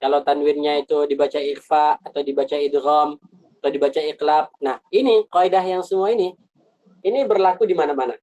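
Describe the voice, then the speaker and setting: A man with a slightly higher voice teaches a Quran recitation class over a video call. He explains patiently, repeats his points and poses rhetorical questions that he then answers himself. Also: steady tone, a little fast, darkish tone, highs cut off.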